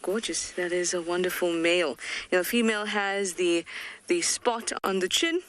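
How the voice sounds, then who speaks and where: A woman's voice: on the low side, moderate pace, fairly bright tone. A woman guiding a live safari outdoors, chatty and playful as she describes birds. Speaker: safari guide. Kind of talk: live wildlife commentary. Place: outdoors in the bush.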